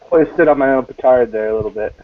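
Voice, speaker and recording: A man with a husky voice joining a casual group discussion on a call, making wry jokes. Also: medium pitch, brisk. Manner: joking, wry. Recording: tinny phone-like call line.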